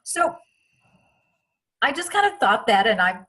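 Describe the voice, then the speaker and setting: A woman from France, a guest in an interview, telling personal stories in a chatty, animated way with many restarts. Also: fairly high pitch, unhurried. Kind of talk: casual interview storytelling.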